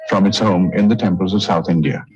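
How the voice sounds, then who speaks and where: A man reading scripted documentary narration in a measured, even tone. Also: low voice, slightly rough, muffled recording, soft background music.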